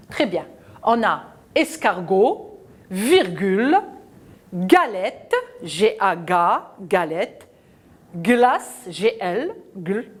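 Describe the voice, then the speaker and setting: A woman teaching a children's phonics lesson, patient and questioning, spelling out letters and sounds slowly. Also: medium pitch, husky.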